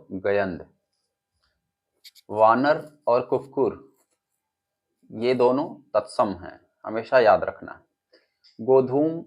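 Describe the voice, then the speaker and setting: In a dull, lo-fi recording, a male teacher with an Uttar Pradesh Hindi accent goes through quiz options for exam prep, supplying the answers and explanations afterward. His voice sits in the middle range and has a slightly mellow quality.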